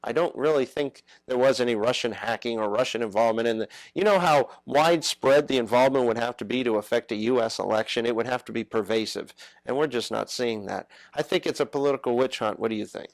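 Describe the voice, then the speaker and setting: A man hosting a political talk show, his voice sitting in an ordinary middle register. He talks haltingly and fills gaps with "uh". The recording is dry and close, with no room sound. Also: mid-range voice, no echo, poor audio. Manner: halting, many "uh" fillers.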